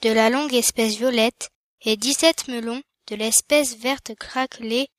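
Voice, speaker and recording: A woman storyteller reading a children's tale aloud, measured and expressive, with a fairly high voice. The recording is close and dry. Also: dry recording.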